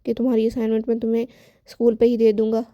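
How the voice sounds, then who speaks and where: A woman's voice: fairly high pitch, completely flat delivery, quick pace, no echo, highs cut off, natural voice. A woman reading as an irritated teenage boy. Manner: irritated, curt. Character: angry proud teenage boy student.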